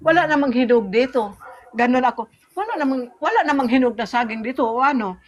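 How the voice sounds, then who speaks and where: A woman telling her personal faith testimony in conversation, earnest and halting, acting out remembered dialogue. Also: high-pitched, lo-fi sound, slight background noise. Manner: earnest storytelling, often pauses and restarts; replays remembered dialogue in a raised voice. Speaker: church member giving testimony.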